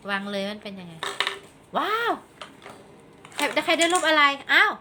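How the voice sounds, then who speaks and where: Guiding young kids through a candy tasting, this host chats casually in a high, sing-song voice at a racing pace. She playfully prods them with questions, exclamations and small sing-song fanfares, with clear background noise around her.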